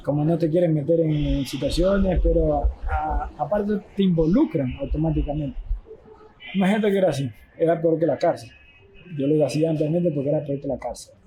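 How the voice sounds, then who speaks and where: A man's voice: a little high, fairly quick. A man telling a story casually, acting out quotes in a raised voice. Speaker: guest telling his boxing story. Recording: noisy background hiss.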